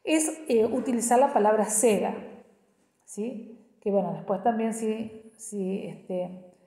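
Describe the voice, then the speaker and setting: A woman's voice: medium pitch, slow, creaky, dark tone. A woman educational psychologist explaining learning strategies step by step, often checking in with her listeners. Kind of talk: explanatory teaching talk. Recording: echoey room with long reverb.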